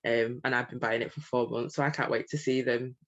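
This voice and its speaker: A woman's voice: extremely low pitch, fairly even intonation, brisk, dull audio. A middle-aged woman talking openly as a coaching client, hesitant and full of ums, with small self-conscious laughs. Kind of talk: candid conversational talk.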